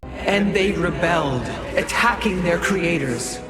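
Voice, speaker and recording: A man's voice: high-pitched, takes it slowly. A man playing a stern, distrustful alien counsellor in a video game cutscene, formal and admonishing. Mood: disapproving. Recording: loud music behind the voice.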